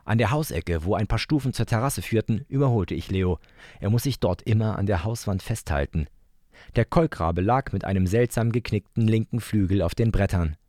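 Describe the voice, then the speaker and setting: A man narrating an audiobook in the first person with calm, even storytelling. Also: lowish voice, moderate pace, no room sound, studio quality.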